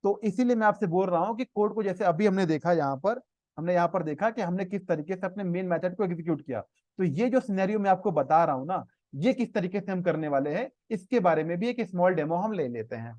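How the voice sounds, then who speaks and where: A man's voice: high-pitched, lively intonation, a little fast, a little mellow, dry recording. A man with an Indian accent teaching a live programming class, mixing Hindi and English and checking in with students. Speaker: programming instructor. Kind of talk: live coding lesson. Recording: dry, slightly dull online class audio.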